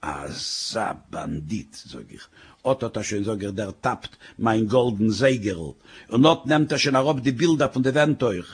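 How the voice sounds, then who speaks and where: A man's voice: medium pitch, normal speed, husky. A man telling a comic story, full of wry "sag ich" asides.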